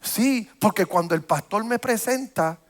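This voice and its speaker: A male pastor preaching a sermon, telling a personal story with frequent restarts and repeated words, and growing animated as the story builds. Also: high-pitched, unhurried. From United States.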